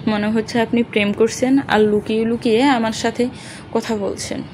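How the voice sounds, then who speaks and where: A woman's voice: fairly high pitch, flat delivery, normal speed, noisy background. A woman reading an audio story aloud, narrating and speaking every character's dialogue in one voice.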